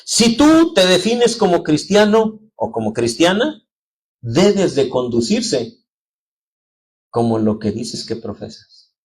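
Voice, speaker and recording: A man with a Mexican Spanish accent, preaching a sermon as pastor, telling lively stories and calling his listeners brothers and sisters. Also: on the high side, slow. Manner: animated storytelling, acting out quoted voices.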